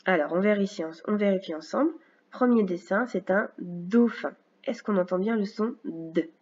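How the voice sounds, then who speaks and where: A woman teacher giving a recorded phonics lesson, speaking slowly and clearly with patient explanations for a young child. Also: medium pitch, a little mellow, lo-fi sound. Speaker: first-grade teacher.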